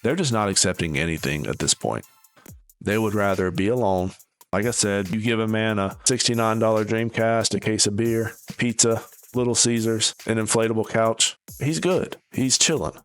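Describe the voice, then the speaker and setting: With background music behind him, a man speaks at normal speed in a fairly low voice, hosting a reaction video. His take is casual and opinionated, delivered with sardonic dismissiveness.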